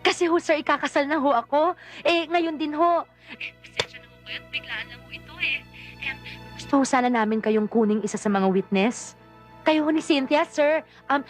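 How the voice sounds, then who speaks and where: A woman's voice: high voice, natural voice. An actress playing an unmarried woman who scolds her long-absent lover in an emotional film scene. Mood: polite, hurried. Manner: emotional, reproachful, rapid complaining. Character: unmarried woman, hurt and longing, outspoken. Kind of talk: film drama acting.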